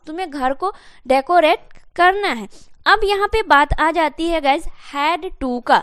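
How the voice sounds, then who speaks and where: A woman teaching an English grammar lesson step by step, often calling her viewers guys and slowly dictating example sentences. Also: extremely high pitch, a bit bright, no echo, clean studio sound.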